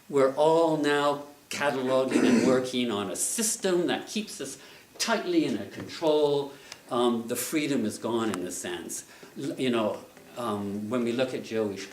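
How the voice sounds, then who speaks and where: A man giving a halting memorial tribute at a reception, pausing often with fillers. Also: mid-range voice, a little hiss or hum. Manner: hesitant, many fillers, soft-spoken. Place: museum reception room. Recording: distant and echoey in a room.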